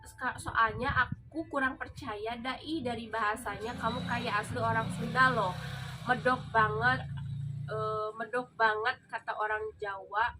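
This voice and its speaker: A woman's voice: on the high side, fairly even intonation, unhurried, noisy background. A woman interviewer reading out questions in a playful, teasing way. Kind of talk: casual interview chat.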